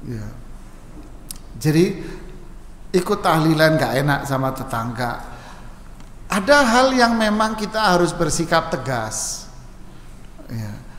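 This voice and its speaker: A man preaching at a mosque study session, answering questions in a relaxed, joking way and mimicking regional speech for laughs. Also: on the high side, slow pace, pauses often. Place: mosque hall. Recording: echoey mosque hall with long reverb, faint ambience.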